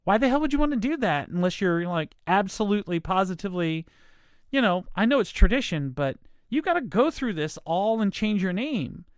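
A woman's voice: medium pitch, big pitch swings, fairly quick, dry recording, studio quality. A middle-aged American woman in a casual, rambling, apologetic monologue, emphatic at times, her speech slightly impeded by dental aligners. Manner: rambling, circling back, apologetic.

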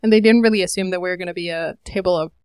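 A woman's voice: fairly low pitch, steady tone, rapid-fire, darkish tone, clear, resonant tone, no room sound, studio quality. A woman, a podcast correspondent, telling a wry story in a chatty way.

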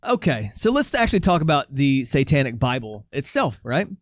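A man's voice: mid-range voice, normal speed, a little hiss or hum. A man co-hosting a casual podcast, reading out facts and joking about them with frequent laughter. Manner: animated, laughs often, reads facts then jokes. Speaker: podcast co-host. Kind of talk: casual chat, reading from notes.

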